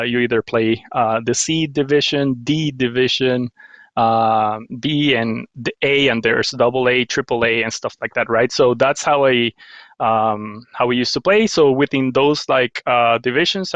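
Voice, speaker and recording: A man's voice: mid-range voice, steady tone, moderate pace, a bit bright, dry recording. A man from Guatemala, chatting as a podcast guest, rambling with restarts and self-deprecating laughs. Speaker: guest, paddle company owner. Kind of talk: casual interview chat. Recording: slightly dull lo-fi sound.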